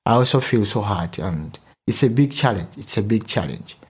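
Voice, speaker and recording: In a conversational discussion, a Ugandan man whose first language is Luganda speaks earnestly, frequently restarting as he searches for words. His voice is lowish and expressive at a normal pace, somewhat mellow with a breathy edge.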